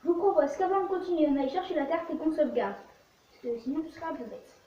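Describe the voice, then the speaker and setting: A woman's voice: sits high, lively intonation, fast talker. A woman giving casual let's play commentary as host of a gaming video, narrating what they do in short fragments. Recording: very echoey, distant, muffled, faint noise.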